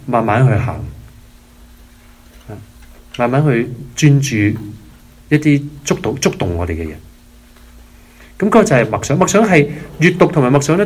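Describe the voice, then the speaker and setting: A man leading a prayer and Bible-reading session, teaching in a spoken style that mixes English words into Cantonese and keeps asking the listeners rhetorical questions. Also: medium pitch.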